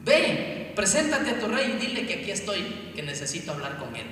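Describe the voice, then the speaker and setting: A man's voice: sits high, very animated, moderate pace, bright, forceful tone, a little hiss or hum, heavily acted. A man voicing a bold, defiant prophet who speaks in a commanding, declamatory way. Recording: echoey hall, distant mic.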